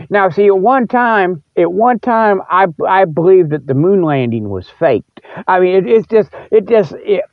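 Sitting high in pitch, the man's voice comes through dry and phone-narrow as he hosts his podcast. His solo monologue wanders in a loose, folksy way, repeating itself and starting and stopping.

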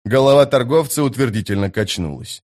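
A man reads an audiobook in a steady, measured voice. His delivery is even and scripted, at a mid pitch. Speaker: audiobook narrator.

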